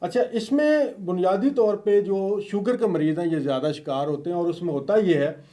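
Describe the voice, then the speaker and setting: A man's voice: high-pitched, normal speed, dark tone. A man speaking as a guest on a health talk, explaining things politely to the host.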